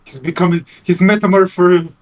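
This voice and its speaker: A man's voice: sits high, steady tone, normal speed, poor audio. A man co-streaming a game, joking and sarcastic in casual chat. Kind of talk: casual game playthrough commentary.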